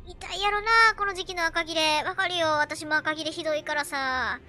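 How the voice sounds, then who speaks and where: A woman with a Kansai accent giving excitable, chatty, joking commentary while playing a video game. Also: sits high, normal speed, a little hiss or hum. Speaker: game streamer. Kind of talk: let's play commentary. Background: loud game music and sounds.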